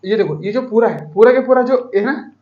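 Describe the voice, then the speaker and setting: An expressive, brisk man with a high-pitched voice teaches biology in Hindi, firing call-and-response questions so students call out answers. The audio sounds roomy, narrow and tinny.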